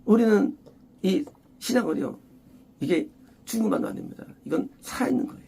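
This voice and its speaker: A man preaching an expository sermon as a pastor, emphatic and repetitive, often rising to loud exclamations. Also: high voice, sing-song, a little fast, creaky, slightly rough.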